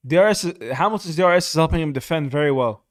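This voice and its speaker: A young man streaming live, giving casual, excitable commentary on a motor race and saying "bro" a lot. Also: a little high, fast.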